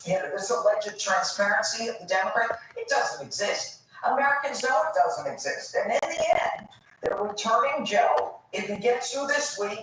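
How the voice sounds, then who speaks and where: A woman's voice: medium pitch, fairly bright tone. A woman giving emphatic, indignant political commentary on a talk panel. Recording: echoey room, distant mic.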